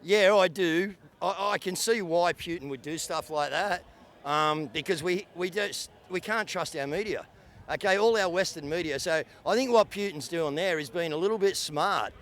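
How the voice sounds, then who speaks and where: At an outdoor rally, a man being interviewed on the street talks in a casual, rambling way, saying "you know what I mean" a lot. His voice sits high and is a bit bright, at normal speed.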